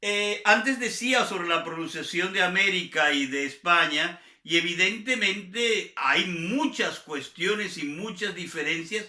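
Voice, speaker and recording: A man from Venezuela with a Venezuelan Spanish accent, teaching a Spanish grammar review lesson, slowly repeating and spelling out example words. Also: sits high, pushed and bright, reverberant.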